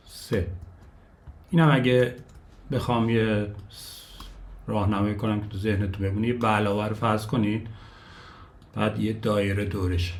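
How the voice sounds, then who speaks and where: A man's voice: on the low side, darkish tone. A man teaching a step-by-step Japanese lesson, counting the strokes aloud and repeating each syllable for learners to copy.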